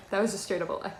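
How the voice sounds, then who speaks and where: A woman's voice: mid-range voice, a bit bright, a little hiss or hum, lightly acted. A woman playing a mischievous teenage girl hero student, rambling and teasing with lots of laughter in live cosplay role-play over a call. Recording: echoey live video call.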